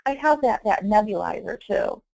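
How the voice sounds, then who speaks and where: A woman's voice: medium pitch, expressive, moderate pace, gravelly, a little mellow, no room sound, lo-fi sound. A woman voicing a chatty elderly female client on the phone, folksy and breezy, calling everyone honey.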